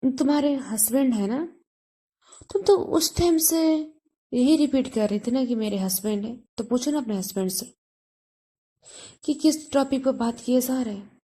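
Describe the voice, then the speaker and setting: A woman's voice: fairly high pitch, moderate pace, pauses often, mellow, breathy edge. A woman voicing a bold, defiant woman lead in a narrated love story, speaking with sarcasm. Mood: mocking. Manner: mocking, sarcastic.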